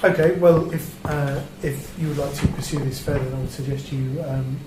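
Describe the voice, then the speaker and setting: Fairly quick and steady in tone, this medium-pitched English man presides over a formal indoor parish council meeting. He handles it with polite, procedural hesitancy, against the echo and distinct background noise of the meeting room.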